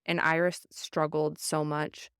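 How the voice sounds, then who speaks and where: Young Southern woman, book podcast host; earnest, reflective, clear voice. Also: deep voice, flat delivery, slow pace, fairly bright tone, no room sound, studio quality. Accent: Southern American. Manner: earnest, reflective, many fillers. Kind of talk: casual book discussion.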